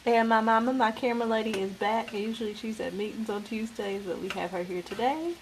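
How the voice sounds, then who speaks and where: A woman's voice: a little high, brisk. Chatty woman cooking over sizzling pans. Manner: chatty, talks to viewers directly, laughs easily. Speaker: cooking show host. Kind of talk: casual live cooking demonstration. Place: home kitchen. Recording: kitchen noise from frying pans. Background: sizzling pans and utensil clatter.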